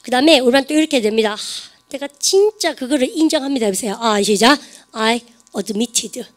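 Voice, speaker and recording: A woman teaching an online English grammar lesson, quizzing her students with quick questions. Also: a little high, lively intonation.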